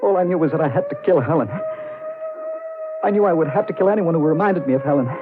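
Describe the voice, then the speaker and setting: An actor playing a tormented, obsessed killer in a 1940s radio drama, narrating with haunted, halting intensity. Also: male voice, fairly low pitch, background noise, natural voice. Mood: frantic. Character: tormented, obsessed male strangler confessing his crimes. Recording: muffled vintage radio with music behind.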